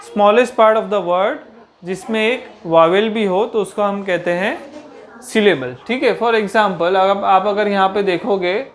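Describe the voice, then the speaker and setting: A woman teaching grammar. She keeps asking rhetorical questions and answering them, and slows down for definitions. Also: medium pitch. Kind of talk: grammar lesson.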